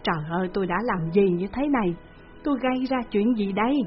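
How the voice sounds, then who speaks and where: A guilty, flustered old village landlord, put on by a woman narrating the story, who stammers as he talks. The voice is mid-pitched and the recording sounds dull and lo-fi. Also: fast, faint music behind, close to an everyday voice. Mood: anguished.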